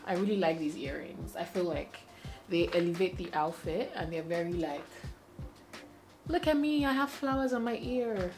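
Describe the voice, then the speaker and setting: A young woman talks straight to a close camera as she gets ready in her bedroom. Her voice sits a little low, and she chats loosely, thinking out loud. Soft music plays faintly behind her. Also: animated, moderate pace. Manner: chatty and self-questioning, thinking aloud. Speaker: lifestyle vlogger. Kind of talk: casual chat to camera. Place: bedroom indoors.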